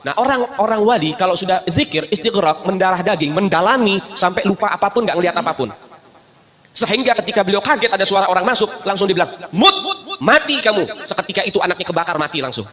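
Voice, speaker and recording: A man's voice: high-pitched, animated, fast, bright, forceful tone. A man preaching in storytelling style, animatedly acting out the dialogue of the people in his story. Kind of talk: storytelling sermon.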